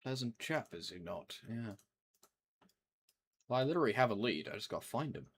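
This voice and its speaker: A man's voice: mid-range voice, sing-song, brisk, slightly rough. A man giving casual, slangy gameplay commentary, often muttering to himself and swearing. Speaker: video game streamer.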